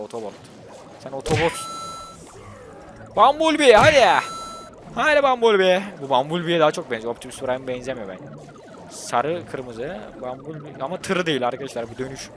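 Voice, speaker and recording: An excitable young-sounding man gives casual, jokey commentary while playing a mobile game. His pitch sits in a middle range. Loud game music plays under his voice. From Turkey. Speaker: mobile gaming youtuber.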